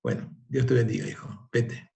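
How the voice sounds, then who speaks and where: A gentle, fatherly farmer sends his son on an errand in a told folk tale, as a man voices him. His voice is low and slightly gravelly. He speaks softly and kindly, with a blessing in his manner. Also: moderate pace.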